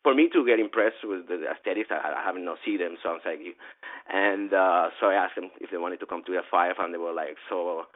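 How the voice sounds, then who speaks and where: Venezuelan-accented male event organizer, low voice, rambling and animated, phone-thin sound. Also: quick pace. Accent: Venezuelan Spanish. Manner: rambling, animated, frequent restarts and laughs. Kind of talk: casual interview chat. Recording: tinny phone-like line.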